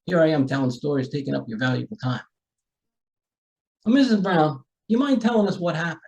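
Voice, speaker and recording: A man playing a folksy, rambling homicide sergeant in a radio mystery, chatty, halting and courteous. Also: on the high side, darkish tone, close to an everyday voice. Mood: affable, probing. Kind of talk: amateur radio mystery acting.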